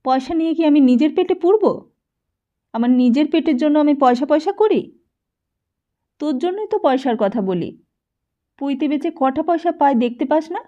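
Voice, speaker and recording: Woman narrator doing a poor village mother pleading with her son, pitched up high, dull lo-fi sound. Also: animated, moderate pace, pauses often, dark tone. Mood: scolding. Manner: pleading, raised scolding voice.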